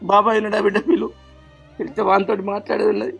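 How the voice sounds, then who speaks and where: A man playing a worn, anguished older father with a Telangana Telugu accent. His voice sits very high for a man and rasps with gravel. He pours out quick, pleading laments in a family drama with soft music underneath. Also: level tone, exaggerated voice. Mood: grieving. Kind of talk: family web drama acting.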